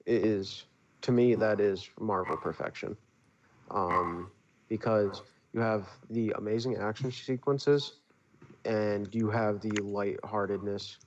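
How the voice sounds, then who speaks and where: A man's voice: lowish voice, dull audio, slight background noise. A young man, a podcast guest, gushing in casual chat, rambling with lots of filler words. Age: young adult.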